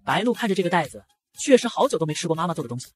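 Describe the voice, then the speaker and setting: A man narrating an audio comic in a brisk storytelling manner. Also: on the high side, big pitch swings.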